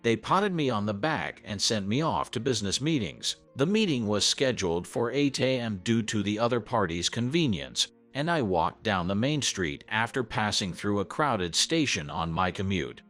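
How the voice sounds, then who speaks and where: A man's voice: on the low side, sing-song, normal speed, few pauses. A man narrating a first-person story in an earnest, scripted way. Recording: soft background music.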